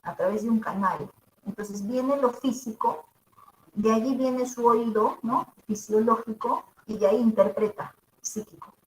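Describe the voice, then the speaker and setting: A woman's voice: on the high side, fairly even intonation, unhurried, darkish tone. A woman teacher with a mezzo-soprano voice gives a classroom lecture, checking in with her students after each point. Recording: echoey room.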